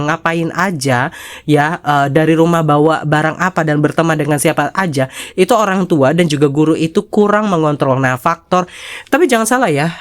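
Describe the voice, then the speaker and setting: Suffering from a cold, this host sounds congested and nasal, with a pitch pitched midway between male and female ranges. Speaking with a Jakarta Indonesian accent, they deliver sassy, chatty YouTube commentary to viewers, full of dramatic asides.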